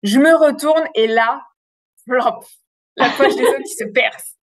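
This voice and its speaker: A woman in her thirties frankly telling a long personal story in a casual, animated way, with many fillers. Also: high-pitched, takes it slowly, no echo, studio quality. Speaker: interview guest.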